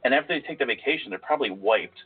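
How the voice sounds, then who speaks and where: A man's voice: medium pitch, lively intonation, very fast, slightly rough. A man co-hosting a casual podcast, talking in a rambling, self-deprecating way with a nasal voice. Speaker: podcast co-host. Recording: phone-like lo-fi audio with faint music.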